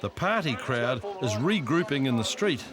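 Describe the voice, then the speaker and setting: A man's voice: mid-range voice, sing-song, moderate pace. A man with a New Zealand accent reading scripted narration for a police documentary. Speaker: reality show narrator.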